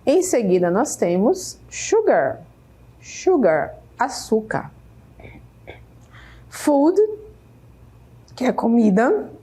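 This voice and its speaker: A woman teacher with a Brazilian Portuguese accent explains English vocabulary slowly, repeating each word and checking in with "né?". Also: on the high side, very animated, dark tone, breathy edge. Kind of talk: slow, careful classroom explanation. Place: state school media center studio.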